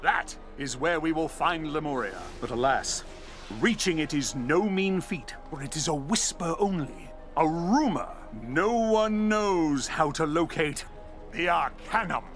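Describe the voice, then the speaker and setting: Bombastic, bright-voiced heroic adventurer. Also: male voice, fairly high pitch, animated, a little slow, faint music behind. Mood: grand, adventurous. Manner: pompous, theatrical, exclamatory. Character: bombastic, boastful old-fashioned male adventurer explorer hero. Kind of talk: video game character acting.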